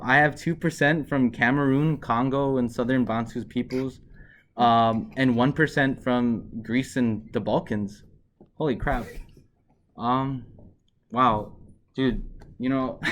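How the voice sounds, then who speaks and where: A man's voice: mid-range voice, a little hiss or hum. Earnest man talking to camera. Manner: earnest, often adds "right?", restarts phrases. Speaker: vlogger. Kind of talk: casual talk to camera.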